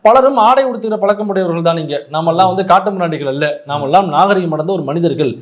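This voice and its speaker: A man's voice: sits high, fast. A man giving an emphatic, argumentative public speech. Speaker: political speaker.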